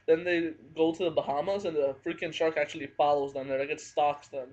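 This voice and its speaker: A man's voice: fairly high pitch, fairly even intonation, brisk, darkish tone. A man giving a casual spoken movie review at home, hesitant and full of fillers. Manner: hesitant, frequent fillers and hedging. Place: at home, family nearby. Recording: dull lo-fi home recording.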